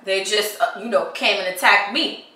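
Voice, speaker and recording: A cocky young college student, bright and brash, who grows indignant when questioned, as a woman acts him out. The voice sits in a very echoey room with the mic well away from the speaker. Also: medium pitch, normal speed, distant mic, natural voice. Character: young male college student from Hillman in a campus dispute.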